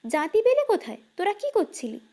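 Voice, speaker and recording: A woman voicing a spirited young wife who answers back quickly and stubbornly. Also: very high voice, very animated, dark tone, voice pushed up, full character voice. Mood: pert. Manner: quick, pert replies.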